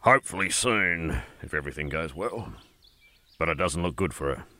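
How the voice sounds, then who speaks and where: A man doing a deep calm farm dog. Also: normal speed, full character voice. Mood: sober, reassuring. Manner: calm, reassuring, low-key.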